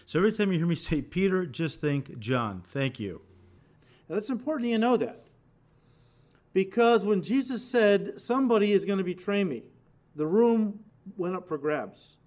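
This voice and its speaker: Male pastor, sermon teaching; emphatic and conversational, talks straight to the congregation, higher-pitched voice. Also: very animated, unhurried, a little mellow. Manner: emphatic, conversational, addresses listeners directly.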